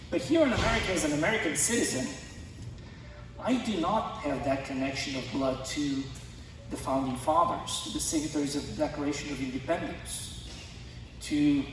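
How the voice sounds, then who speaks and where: A man from Romania giving an earnest, measured formal speech at a school concert. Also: fairly high pitch. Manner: measured, earnest, deliberate phrasing. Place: school auditorium. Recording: distant voice in a reverberant hall.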